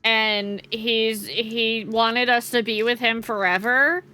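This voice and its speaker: A woman's voice: a little high, fairly even intonation, takes it slowly, pushed and bright, smooth, faint music behind. A woman hosting a game livestream, chatting to viewers in a cute, playful anime-streamer manner. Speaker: streamer, host.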